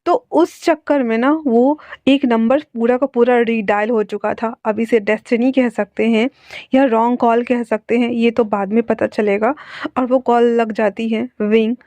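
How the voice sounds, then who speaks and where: A woman's voice: a little high, steady tone, a little slow, mellow, no room sound. A woman casually narrating a fan fiction story, chatty with asides and restarts. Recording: dull lo-fi dry recording.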